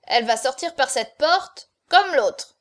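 A woman's voice: sits high, animated, measured pace, fairly bright tone. A woman voicing a small hunchbacked man who gives orders in a curt, stubborn tone.

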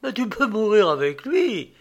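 A man voicing a cold, ruthless young noblewoman who speaks in hushed, icy, measured tones in an audiobook reading. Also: high-pitched, very animated, muffled recording, pitched above the performer's own voice. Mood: fierce.

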